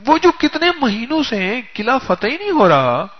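A man's voice: extremely high pitch, breathy edge. A male preacher telling a story in a sermon, speaking straight to his listeners. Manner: animated, addresses listeners directly. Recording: dull lo-fi recording.

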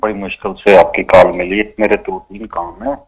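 A middle-aged man calls in on a mobile set to speaker, and his line keeps breaking up and dropping out. His voice sits low and carries from a little way off the phone. He talks in slow, halting bits and circles back on his own words. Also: sing-song, gravelly. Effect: phone call breaking up and cutting out. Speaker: caller. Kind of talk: call-in conversation.

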